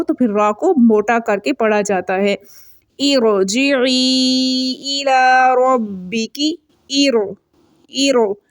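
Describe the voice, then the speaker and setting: A woman teaching Quran recitation rules patiently, explaining step by step and chanting example verses slowly. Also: a little high, dry recording, studio quality.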